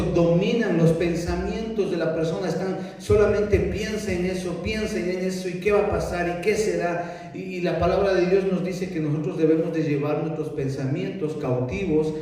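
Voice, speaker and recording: A man's voice: high voice, dark tone. A male pastor preaching a sermon in earnest, repeating himself and asking rhetorical questions, heard from far off in a large echoing room. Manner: earnest, repetitive teaching with rhetorical questions and restarts. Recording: echoey hall, voice from far off.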